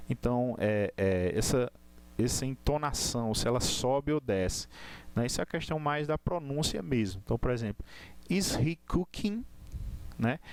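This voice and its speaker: A man leads a live English class online in an everyday middle-pitched voice. He explains patiently, starts sentences over and keeps checking in with tag questions. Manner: explains slowly, lots of tag questions and restarts. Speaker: English teacher.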